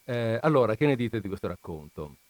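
Man reading a story out loud, calm and expressive, lowish voice, dead dry room. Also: no room sound. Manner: measured, expressive narration. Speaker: story reader. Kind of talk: reading a short story aloud.

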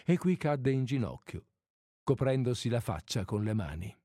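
A man reading a literary story aloud with expressive, dramatic narration. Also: medium pitch, normal speed, no room sound, studio quality. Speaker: reader.

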